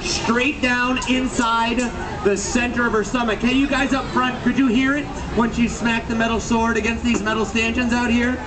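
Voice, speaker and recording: A man's voice: very high-pitched, little pitch movement, moderate pace, music in the background. A man working a crowd as a sword-swallower sideshow barker, with theatrical, emphatic showman's patter. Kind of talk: live sideshow pitch to a street crowd. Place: busy street outside an attraction, later its lobby. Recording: distant mic, crowd around.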